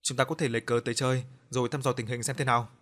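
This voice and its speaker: A man's voice: medium pitch, level tone, rapid-fire, fairly bright tone, lightly acted. A man voicing a flustered, lazy young man from a wealthy family, talking casually with friends.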